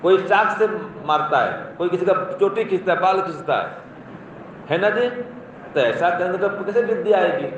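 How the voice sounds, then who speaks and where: A man's voice: high-pitched, animated, moderate pace, a little hiss or hum. A man giving a moral talk to school students, teacherly and repetitive, quizzing and praising them as he goes. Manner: teacherly, questions and praises students, repeats points. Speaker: speaker addressing school students. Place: school hall or classroom. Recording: very echoey, distant, muffled room recording.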